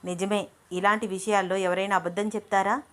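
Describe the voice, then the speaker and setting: A level-headed young man talks things through patiently and affectionately, as a woman narrator reads him. His voice stays close to the reader's own middle pitch, with an even, reasoning tone in an audio story. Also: a little fast, lightly acted. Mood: calm.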